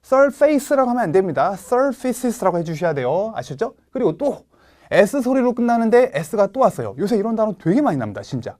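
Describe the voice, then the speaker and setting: A male instructor leads an online exam-prep lecture in a high, animated voice. He quizzes his viewers with quick rhetorical questions and slows right down to stress words when he reads example sentences. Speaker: TOEIC speaking instructor.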